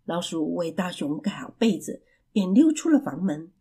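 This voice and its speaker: Lady reading a kids story, really expressive, slightly husky voice. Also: on the low side, moderate pace. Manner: expressive, animated. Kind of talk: children's story narration.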